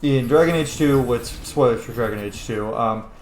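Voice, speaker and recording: A man with a medium-pitched voice gives casual, sweary commentary while playing a video game, speaking at a moderate pace as a gaming video host. There's background noise, a roomy echo, and video game music playing behind him.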